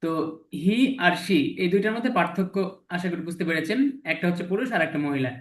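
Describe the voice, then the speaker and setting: A man with a fairly high voice teaches a class, saying each English word and its meaning again and again in a patient drilling rhythm. The sound carries a noticeable room echo. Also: animated, quick pace, fairly bright tone. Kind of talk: classroom lesson with repetition drills.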